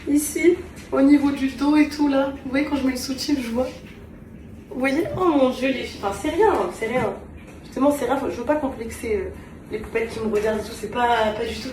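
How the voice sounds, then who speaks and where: A woman's voice: high-pitched, brisk. A woman chatting casually to her viewers in a home vlog, talking to them as girls while she cooks at home. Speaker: vlogger and mother. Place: home kitchen, indoors. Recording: echoey, noisy room, voice far from mic.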